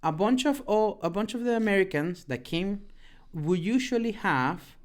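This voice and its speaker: A Venezuelan-accented man talks on a casual podcast. His voice sits somewhat high for a man. He explains things in a rambling way, often stopping and restarting his sentences. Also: lively intonation. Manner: rambling, halting, many restarts and fillers. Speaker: podcast co-host. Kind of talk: casual bilingual podcast chat.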